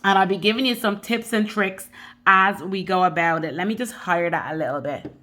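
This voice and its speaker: A budgeting vlogger in her thirties, from the Caribbean but with a Dublin accent, talks loosely and directly to camera for her viewers. Her mid-range voice is bright and forceful, moving a little fast.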